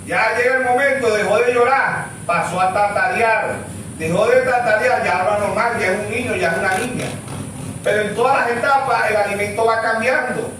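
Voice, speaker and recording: A man's voice: high voice, normal speed, fairly bright tone, slight background noise. A man with a Venezuelan accent preaching a sermon as pastor, throwing rhetorical questions at the congregation. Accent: Venezuelan Spanish. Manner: rhetorical questions, asking "¿sí o no?" for replies. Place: church hall. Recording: very echoey hall, voice far from mic.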